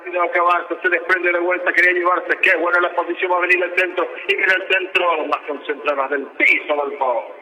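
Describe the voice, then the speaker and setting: A Paraguayan man doing breakneck, excitable live radio football commentary, with drawn-out cries and repeated words. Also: high voice, slight background noise, low-quality recording.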